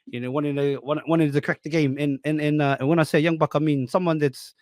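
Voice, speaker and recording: A man's voice: on the high side, fairly even intonation, quick pace, darkish tone, dry recording, clean studio sound. A man with a broad New Zealand accent hosting a podcast as a casual chat, talking in a jokey, matey way full of slang. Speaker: podcast host.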